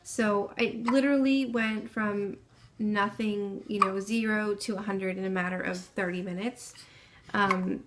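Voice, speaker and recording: A young mother recounts a birth story in a soft, unhurried voice at a middle pitch, full of small pauses and fillers. A faint hum of noise sits behind her. It sounds like a casual, personal video. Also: steady tone. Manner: soft-spoken, many fillers and restarts. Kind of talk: casual spoken story to camera.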